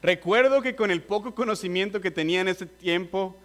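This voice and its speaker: A man delivers a sermon in a notably high voice. He speaks earnestly and presses his listeners directly, with a slightly nervous edge. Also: brisk, a bit bright. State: nervous, admits trembling. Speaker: preacher.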